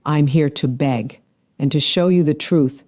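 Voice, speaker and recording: Brief: shaken human envoy, male, earnest and pleading, mellow low-key voice, done by the narrator. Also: measured pace, lightly acted. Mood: desperate, earnest.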